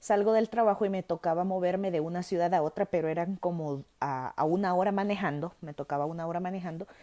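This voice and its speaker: Salvadoran woman host, lively storyteller, warm low-key timbre. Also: quick pace. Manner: animated, lively retelling with self-corrections. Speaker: podcast host. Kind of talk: personal storytelling.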